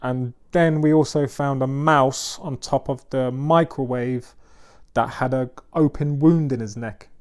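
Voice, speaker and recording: A man's voice: mid-range voice, steady tone, a little slow, clean tone. A man talks through memories in a loose, rambling podcast chat. He fills gaps with "like" and "um" and swears freely. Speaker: podcast host. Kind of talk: casual chat.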